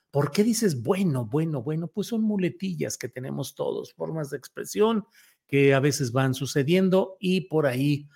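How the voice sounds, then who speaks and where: A man's voice: fairly high pitch, darkish tone. A man giving solo political commentary, picking apart a text with sardonic corrections. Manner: sardonic, corrects spelling point by point.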